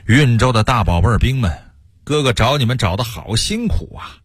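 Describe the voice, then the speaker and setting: A man's voice: mid-range voice, lively intonation, moderate pace, breathy edge, no room sound, clean studio sound. A man voicing a cunning, bold middle-aged warlord in a radio storytelling show, speaking in a boastful, coaxing way. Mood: taunting.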